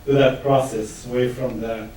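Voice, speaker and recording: A man's voice: mid-range voice, little pitch movement, normal speed, darkish tone, a little hiss or hum. Hesitant Palestinian-accented man lecturing in an echoey hall. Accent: Palestinian Arabic. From Israel. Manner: hesitant, many fillers and restarts. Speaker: guest lecturer. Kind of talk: academic lecture. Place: large lecture room. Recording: echoey hall, mic far off.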